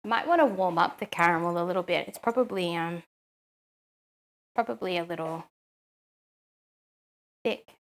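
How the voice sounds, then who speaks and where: A woman's voice: on the low side, lively intonation, moderate pace, long pauses. A woman chatting casually on a live stream while she cooks at home, answering chat with lots of "um"s.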